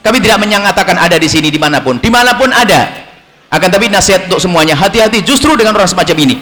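A man preaching a sermon to students, animated, acting out little dialogues in changed voices. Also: high voice, racing. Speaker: Islamic preacher. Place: school hall with audience. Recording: echoey hall, long reverb.

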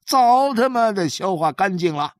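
A man reading aloud as a hungry, gruff working-class father with a coarse, drawling way of talking. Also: high-pitched, lively intonation, normal speed, no room sound, clean studio sound, pitched above the performer's own voice. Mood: gruff weary.

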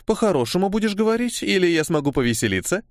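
A man's voice: sits high, sing-song, fast, no echo, clean studio sound, pitched above the performer's own voice. A man voicing a fierce priestess girl barking orders. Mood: excited, teasing. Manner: bold, teasing, barks commands. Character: fierce young woman priestess-apostle, sharp-toothed, commanding.

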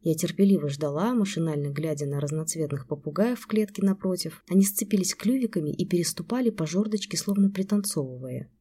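A woman giving scripted first-person audiobook narration in an even, measured way. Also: fairly low pitch, slightly rough.

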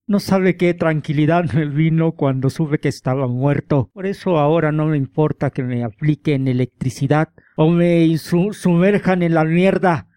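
A man acts out a tortured prisoner in a radio drama, defiant and resigned. His tone is dark and mellow, his speech full of sardonic, mock-polite irony. The sound is dry and close. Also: on the high side, dry recording, lightly acted. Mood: calm. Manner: sardonic, ironic, mocking politeness.

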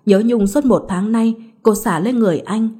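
Woman storyteller, calm scripted narration, mellow husky voice. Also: medium pitch, normal speed.

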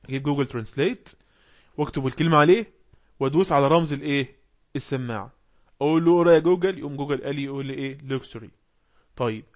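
A man with an Egyptian Arabic accent and a mid-range voice teaches an English class online. He reads English passages slowly, explains words, and quizzes the class with quick questions.

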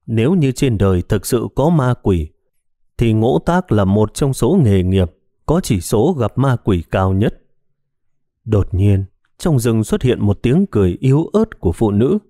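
A man narrating a horror detective story in a scripted, expressive storytelling manner on a close mic. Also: lowish voice, a little slow, no room sound. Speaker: audiobook narrator.

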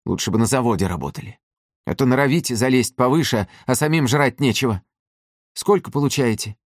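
A man reading an audiobook, voicing a fierce old working-class mother who shouts and scolds. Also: medium pitch, fairly quick, dry recording, studio quality, pitched above the performer's own voice, lightly acted. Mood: scolding.

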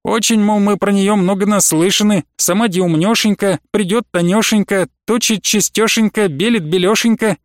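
A man's voice: sits high, moderate pace, hardly any pauses, no room sound, studio quality, pitched above the performer's own voice, natural voice. A male narrator voicing a good-humoured young man who teases his friend. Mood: teasing. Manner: teasing, jovial.

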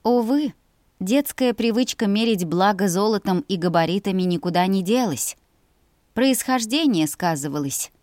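A woman's voice: medium pitch, expressive, moderate pace, darkish tone, dry recording. Woman narrating an audiobook, dry sound. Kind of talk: scripted first-person narration.

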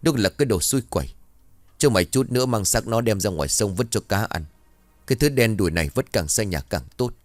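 Người đàn ông giả giọng bà chủ nhà khó tính cằn nhằn. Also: male voice, fairly low pitch, animated, brisk, no echo, close to an everyday voice. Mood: grumbling. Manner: grumbling, irritated. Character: sour stingy older mistress of the house.

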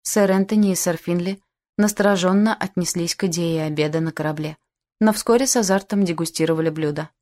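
A woman narrating an audiobook in the first person, with calm, even storytelling. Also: fairly low pitch, fairly quick.

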